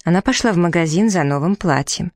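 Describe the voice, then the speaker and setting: A woman's voice: lowish voice, a little fast, darkish tone, no echo, clean studio sound, natural voice. A woman reading the part of a playful, mischievous young woman who teases her sister with ironic remarks. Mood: teasing.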